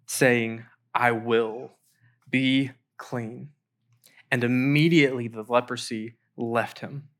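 A man preaching a sermon, earnest, slowing and softening for the quoted lines. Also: on the high side. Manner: earnest, slows down for quoted lines and drops to near a whisper. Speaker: pastor.

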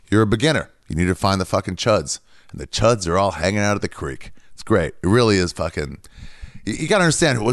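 Guy hosting his podcast, swearing a lot and ranting, voice jumps up and down, very animated. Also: fairly low pitch. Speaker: podcast host. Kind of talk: casual profane comedy rant. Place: standing in front of a mirror.

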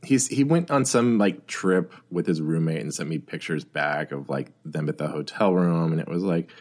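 A man's voice: a bass voice, normal speed. A man chatting casually, giving frequent agreement and telling his own dating story. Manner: relaxed, frequent backchannel agreement. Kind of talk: casual podcast chat.

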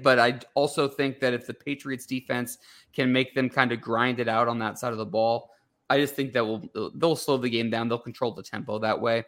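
A man talks football on a casual sports show, his voice bright and forward. He restarts his sentences often and feels his way through each point at an even middle pitch. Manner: hesitant, many restarts. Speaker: sports podcast co-host.

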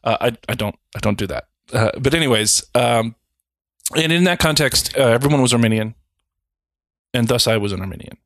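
A man's voice: mid-range voice, animated, a little fast, a bit bright, no echo. Thirties male co-host, mid-range voice, casual and self-mocking, dry close sound. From Wisconsin. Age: 30s. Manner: rambling, self-deprecating, jokey. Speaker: podcast co-host. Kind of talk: casual chat.

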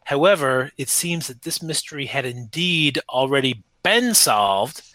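A man co-hosting a casual podcast chat, explaining things in a meandering, halting way with frequent restarts. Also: medium pitch, animated, sharp tone, no echo. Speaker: podcast co-host.

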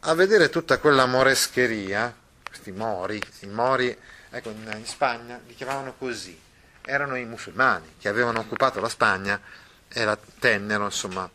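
A man's voice: fairly low pitch, fairly even intonation, moderate pace, sharp tone. A man teaching a class, explaining a text in a chatty, loose way with fillers and tag questions.

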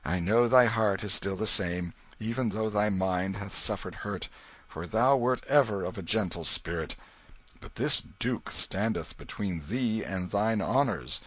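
A man's voice: on the low side, a little slow, fairly bright tone, dry recording. A man voicing a dying old king who is wrathful and commanding, declaiming in archaic, imperious speech. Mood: tender, weary.

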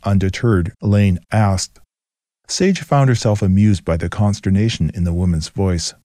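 A man giving a scripted, steady story narration. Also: sits low, moderate pace, dry recording, studio quality.

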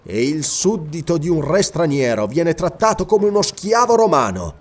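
A man's voice: fairly high pitch, very animated, normal speed, pitched above the performer's own voice. A man voicing a proud, indignant barbarian king in an audiobook reading. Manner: indignant, tense.

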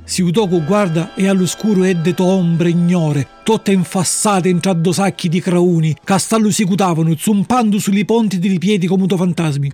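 High-voiced storyteller. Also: male voice, moderate pace, few pauses, soft background music. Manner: lively dialect storytelling. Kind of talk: storybook narration.

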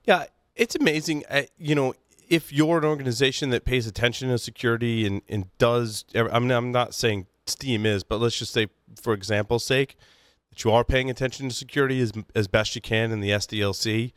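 A man's voice: mid-range voice, fairly even intonation, fairly quick, a bit bright, no room sound, studio quality. A man co-hosting a casual tech podcast, talking in a loose, chatty way and correcting himself as he goes. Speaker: podcast co-host.

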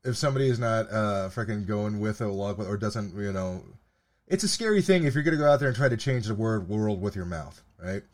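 Guy on a podcast, kinda low voice, rambles a lot, swears constantly, uh and um everywhere. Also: expressive, brisk. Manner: rambling, swears often, trails off with fillers. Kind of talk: casual profane chat.

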